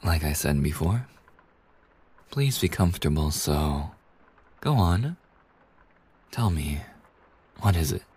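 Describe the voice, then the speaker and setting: In an ASMR roleplay, a man voices a kind, polite young bartender, a gently attentive university student. His voice is extremely low, soft, and breathy, animated and heavily acted, and he speaks courteously and soothingly with hesitant pauses in a reassuring, tender mood.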